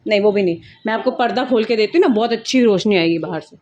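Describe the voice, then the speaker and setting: A woman's voice: mid-range voice, fast, a little mellow, lo-fi sound, a little hiss or hum. A woman mother vlogging at home, talking to camera in an emphatic, lecturing way and scolding her child now and then. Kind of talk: casual vlog talking to camera. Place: indoors at home.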